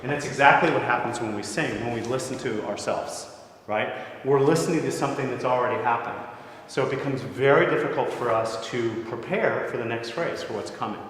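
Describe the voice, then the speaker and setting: A middle-aged man coaching singers in a masterclass, talking conversationally and checking in with "right?" as he goes. His voice sits at an ordinary pitch. It rings through a hall with a long reverb, over a faint background hiss. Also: brisk, fairly bright tone. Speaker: voice teacher leading a masterclass. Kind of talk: masterclass teaching.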